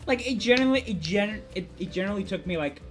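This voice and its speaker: High-voiced, youthful young man over music. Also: lively intonation, quick pace. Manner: passionate, rambling, swears freely. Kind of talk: casual chat about video games. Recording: background music behind the voice.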